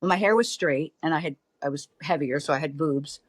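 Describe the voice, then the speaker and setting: A woman's voice: low-pitched, a little fast, husky, dry recording. A middle-aged woman, a podcast guest telling a story in casual chat and acting out the voices of the people she quotes. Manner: lively, animated storyteller who acts out quoted voices.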